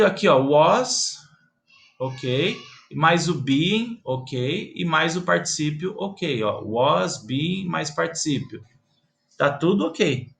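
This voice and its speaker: Brazilian guy teaching english grammar, slow and patient, kinda gravelly voice. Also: a little high, fairly bright tone. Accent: Brazilian Portuguese. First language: Portuguese. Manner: patient, repetitive, checks in with "né?" and "ok?". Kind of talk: slow grammar lesson explaining English to Portuguese speakers.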